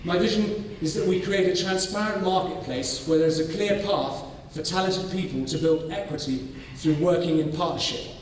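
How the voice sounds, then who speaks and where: A man from North Wales, giving a conference presentation on his farming study, measured and full of ums and restarts. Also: high-pitched, slight background noise. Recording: echoey hall, voice from far off.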